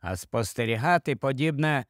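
A man narrating a science fiction story, reading in a dramatic, expressive way. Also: mid-range voice, normal speed, no room sound, clean studio sound. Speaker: audiobook narrator.

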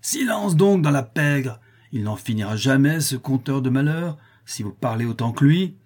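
A man voicing an impatient, furious gaunt inmate in a storybook reading, barking slowly. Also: medium pitch, expressive, darkish tone, voice pushed up, close to an everyday voice. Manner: slow angry barking.

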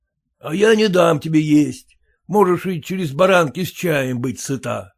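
A man's voice: a little high, measured pace, gravelly. A man voicing a fussy, self-important merchant husband who lectures and grumbles. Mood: grumbling. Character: pompous fussy merchant husband, fearful of typhus.

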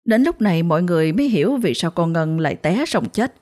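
Woman storyteller, lower pitch, steady plain ghost-story read. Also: quick pace.

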